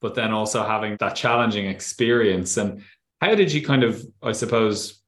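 A man's voice: lowish voice, normal speed, reverberant. A man hosting an interview podcast, asking chatty, friendly questions with some restarts. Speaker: podcast host.

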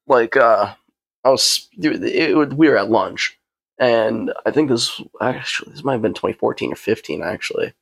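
A young man co-hosting a podcast in a casual chat. He tells stories in a loose, profane way. His voice sits at an ordinary pitch and sounds dry and close, with no room around it. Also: moderate pace, creaky, a bit bright, breathy edge, no echo. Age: young adult. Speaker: podcast co-host.

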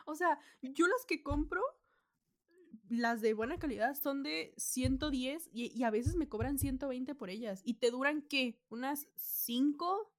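Young Mexican woman podcast host, high voice, swears a lot, animated storyteller, casual chat. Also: measured pace.

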